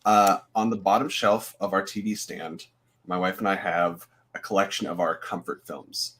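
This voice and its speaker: A man's voice: low voice, steady tone, moderate pace, fairly bright tone. A man co-hosting a podcast, talking casually and rambling with lots of filler uhs. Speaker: co-host.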